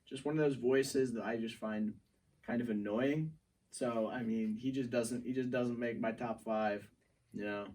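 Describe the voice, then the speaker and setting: A man's voice: medium pitch, unhurried, far from the mic. A young man co-hosting a student podcast, joking in slangy casual talk. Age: young adult. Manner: joking, slangy, bursts of excitement. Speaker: co-host. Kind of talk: casual chat.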